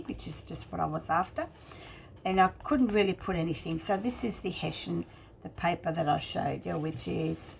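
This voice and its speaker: Creaky-voiced woman, casual craft narration. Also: medium pitch, a little hiss or hum. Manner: chatty, halting, explaining each detail as she shows it. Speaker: craft channel host.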